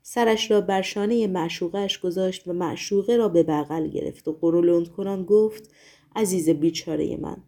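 A woman narrating an audiobook with a steady, expressive reading. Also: fairly low pitch.

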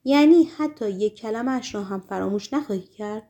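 A woman's voice: a little high, expressive, dark tone, highs cut off. A woman voicing an anxious, devoted young woman. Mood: urgent.

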